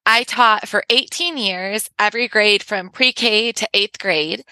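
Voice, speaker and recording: A woman who taught for years, speaking as a guest on a video call, excited to be there. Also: medium pitch, measured pace, dry recording, rough recording. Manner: excited, warm thanks. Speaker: guest, former teacher. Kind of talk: casual interview chat.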